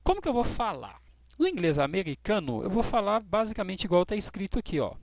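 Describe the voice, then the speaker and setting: A man teaching English dates, who explains patiently and slows right down to model each English phrase. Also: high-pitched, very animated, gravelly, dry recording. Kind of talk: classroom explanation.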